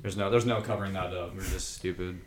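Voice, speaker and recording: A young man co-hosting a casual podcast, joking and slangy and quick to mock himself. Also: sits low, steady tone, echoey room. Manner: joking, slangy, self-mocking. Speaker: podcast co-host. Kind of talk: casual chat.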